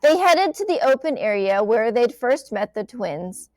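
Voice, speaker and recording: An expressive woman narrates a picture book, sometimes plainly and sometimes bursting into animated dialogue. Slightly high-pitched and a touch slow, she's recorded with no audible room sound.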